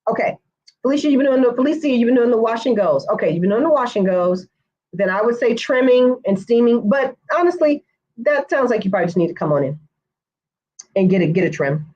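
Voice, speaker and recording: A woman's voice: a little high, expressive, brisk, a little mellow, lo-fi sound. A woman hair stylist teaching a live online course, chatting with viewers by name and answering their comments. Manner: chatty, addresses viewers by name, says y'all.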